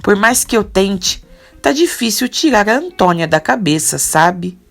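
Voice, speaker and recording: A woman's voice: mid-range voice, lively intonation, unhurried, vocal fry. Earnest young man in love, read by a woman.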